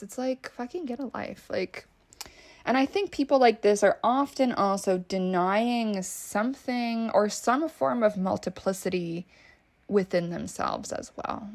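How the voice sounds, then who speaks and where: A woman's voice: mid-range voice, gravelly. A woman with a Valley Girl accent, hosting a solo podcast in a casual, emphatic way, swearing freely and saying "like" a lot. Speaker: podcast host.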